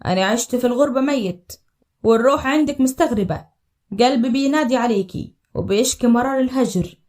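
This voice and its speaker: A devoted young husband with an Upper Egyptian accent, his voice pitched low and earnest, as a woman acts him out. He talks in a quick, steady flow of heartfelt vows in a storybook audio drama. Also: natural voice. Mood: ardent. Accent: Upper Egyptian Arabic. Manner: low, earnest, tender declarations.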